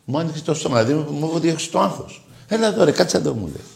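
A man's voice: a little high, lively intonation, gravelly, a little mellow, roomy sound. A man hosting a call-in radio show, telling stories animatedly and teasing callers. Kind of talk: casual call-in radio chat.

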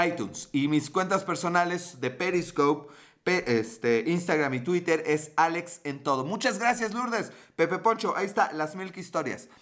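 A man with a Mexican accent and a high, fairly bright voice reads viewers' comments on his livestream. The chat is casual and rambling, peppered with slang and swearing, and he seems a bit tipsy.

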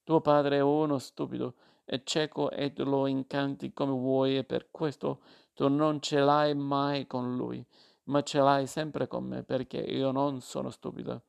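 Guy reading as a proud sharp-tongued mom, scornful and defiant, gravelly. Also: medium pitch, level tone, unhurried.

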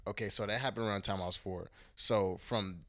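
A man's voice: lowish voice, fairly even intonation, fast, fairly bright tone. Slangy, profane man on a podcast. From Houston, Texas. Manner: loose, slangy and profane, trailing off and searching for words. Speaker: podcast guest. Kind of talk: casual podcast conversation.

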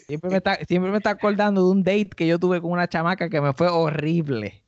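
A Puerto Rican-accented podcast host and stand-up comic tells a story in a loose, funny way, talking a little fast and animatedly playing the people in it with high-pitched voices. The podcast audio is dry and slightly dull, with no room sound.

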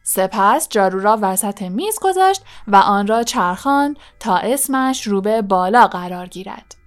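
Audiobook narrator: woman, measured delivery, drops to near-whispers in tense passages. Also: mid-range voice, lively intonation. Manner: measured, often dropping to a hush. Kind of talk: scripted storybook narration.

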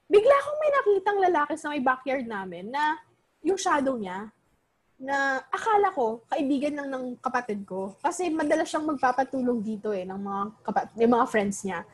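A woman's voice: high-pitched, moderate pace. A young woman casually telling a story, mixing Filipino and English with many fillers. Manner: animated, Taglish code-switching, many fillers.

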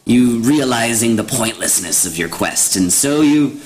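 A man's voice: medium pitch, lively intonation, unhurried, a little mellow, lightly acted. A man doing a cackling, gloating old hag. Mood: mocking. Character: scheming old female hag, mocking and menacing.

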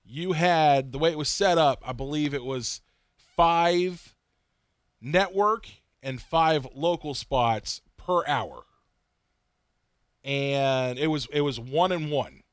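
A man co-hosting a casual racing podcast, an animated storyteller who acts out quotes. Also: a little high, slow pace, smooth, no room sound. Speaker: podcast co-host. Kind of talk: casual chat.

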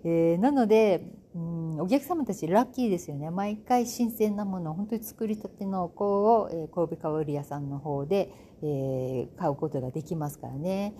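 A woman's voice: fairly low pitch, moderate pace, hardly any pauses, mellow, slight background noise. A middle-aged woman hosting a casual solo talk, chatty and self-amused, with lots of fillers. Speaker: podcast host. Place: home in Bali.

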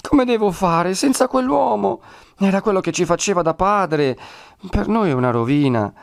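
A man's voice: sits high, expressive, normal speed, creaky, voice pushed up. A man reading a classic Italian novel aloud and voicing Agnese, a distressed older village woman who pleads close to tears. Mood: distraught, pleading.

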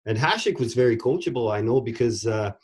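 A man's voice: medium pitch, expressive, a little fast, breathy edge. A middle-aged man, a former goalie coach, telling stories in a casual interview and repeating words as he restarts sentences. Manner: rambling, repeats words when starting sentences.

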